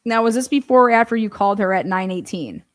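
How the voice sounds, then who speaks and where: A woman with a medium-pitched, expressive voice talks fast as she offers informal true-crime commentary. She reads from a transcript, cutting in with pointed, skeptical asides and rhetorical questions.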